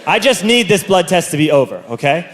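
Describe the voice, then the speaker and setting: A man telling a stand-up comedy story in an animated, theatrical way, moving between loud bursts and low asides. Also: fairly quick, slight background noise.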